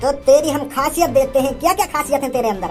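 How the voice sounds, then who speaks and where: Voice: high-pitched, fast, faint music behind, natural voice. A performer voicing a short-tempered village father in a cartoon, mocking and bossy, with a threatening streak. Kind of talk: cartoon voice acting.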